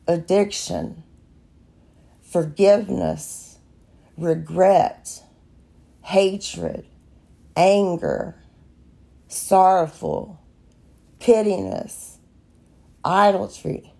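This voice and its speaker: Her allergies leave this podcast host raspy, and her lowish, gravelly voice stays mellow yet has lively intonation. She delivers an off-the-cuff devotional monologue slowly and earnestly, frequently looping back to restart phrases while encouraging her audience.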